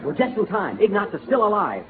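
A man's voice: high voice, huge pitch swings, fairly quick, a loud crowd, heavy background noise. A man playing a brash, wisecracking male explorer in a 1930s radio comedy, full of puns. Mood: cocky. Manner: wisecracking, punning. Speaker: comic lead. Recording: tinny lo-fi 1930s radio broadcast, studio audience.

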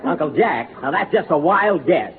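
In a tinny, lo-fi 1930s radio comedy broadcast before a studio audience, a man plays the comic lead, a brash, cocky, wisecracking explorer who's full of puns. His voice is fairly high and lively, at a normal speed, over heavy background noise.

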